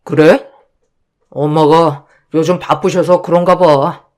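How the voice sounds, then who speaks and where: A woman's voice: low voice, fairly even intonation, slow, darkish tone, voice pushed down. A woman voicing a dismissive, weary husband who sides with his parents in a dramatized story. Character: dismissive tired husband, young adult.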